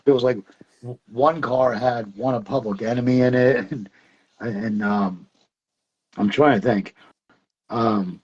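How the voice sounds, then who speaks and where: A middle-aged man tells stories from his wrestling past in a relaxed interview. He rambles, laughs often and leans on fillers. His voice sits at a medium pitch, and the sound is a bit dull and lo-fi. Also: a little slow, long pauses, breathy edge. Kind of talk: casual storytelling interview.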